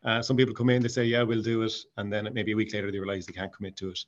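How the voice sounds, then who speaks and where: A Mayo man with a west of Ireland accent, an amateur drama society actor, is a guest in an interview and chats casually about his hobby. His lowish voice is level in tone and rapid-fire. The audio sounds dull.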